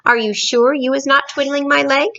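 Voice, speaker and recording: A woman voicing a big, gentle male giant who jumbles his words, read from a storybook. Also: sits high, fairly even intonation, moderate pace, vocal fry, highs cut off, voice pushed up, full character voice. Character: big friendly male giant, muddled speech.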